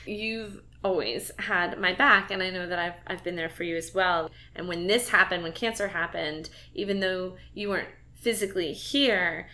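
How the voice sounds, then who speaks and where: A woman's voice: on the low side, moderate pace, few pauses, sharp tone. A woman hosting a podcast conversation, speaking earnestly and reflectively with a friend. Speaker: podcast host. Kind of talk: casual heartfelt conversation.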